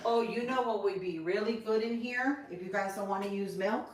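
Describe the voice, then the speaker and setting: A Spanish-accented woman from Central Florida, United States, speaks at medium pitch and normal speed while hosting an informal live cooking stream in her home kitchen. Upbeat and talkative, she greets viewers by name and narrates each step; the room is echoey with faint noise behind her.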